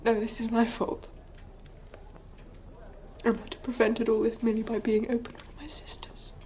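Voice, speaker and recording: An actress playing a remorseful young woman who speaks low, half whispering in self-reproach, in a period film. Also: completely flat delivery, moderate pace, a little mellow, close to an everyday voice.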